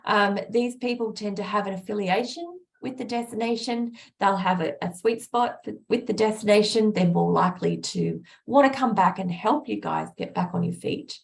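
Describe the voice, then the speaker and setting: A woman with a raspy, hoarse voice giving a conference presentation over a video call, speaking in a measured way with fillers. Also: mid-range voice.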